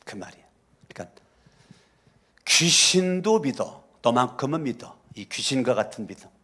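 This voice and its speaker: A man's voice: mid-range voice, a bit bright, breathy edge. A male pastor preaching a sermon in an emphatic, scolding way, with many rhetorical questions.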